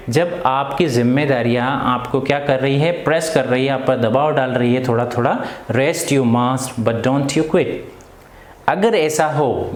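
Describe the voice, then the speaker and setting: Man teaching a poem, echoey room. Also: medium pitch. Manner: reads English lines very slowly, then explains in Hindi with questions to pupils. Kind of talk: classroom poetry lesson.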